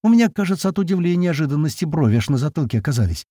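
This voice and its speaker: A man narrating a first-person audiobook in a colloquial, wry and expressive way. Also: on the high side, very fast, no echo, clean studio sound.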